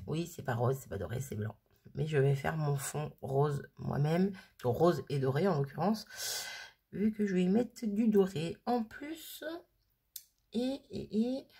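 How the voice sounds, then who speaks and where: A woman's voice: fairly low pitch, vocal fry, a little mellow, husky. A woman hosting a casual crafting video who chats and thinks aloud with plenty of fillers. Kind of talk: casual crafting tutorial chat.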